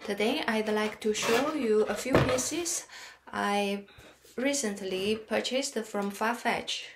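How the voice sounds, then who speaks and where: Slow halting woman vlogger, echoey room. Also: mid-range voice, very noisy. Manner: halting, with many pauses and fillers. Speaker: fashion vlogger. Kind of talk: casual unboxing and try-on. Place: small room at home, indoors.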